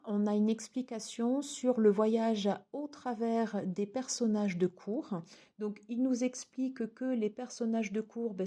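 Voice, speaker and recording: A woman's voice: mid-range voice, mellow. A woman casually reviewing a tarot deck and its guidebook, chatty, with many fillers and restarts.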